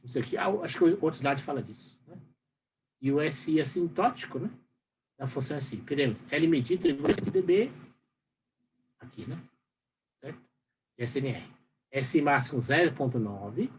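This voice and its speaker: A Brazilian professor giving a recorded lecture, rambling and tagging questions onto most sentences. His pitch swings widely as he explains, and a faint hiss of background noise sits under his voice. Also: lively intonation, moderate pace, long pauses. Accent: Brazilian Portuguese. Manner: rambling, full of fillers and tag questions. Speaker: university professor.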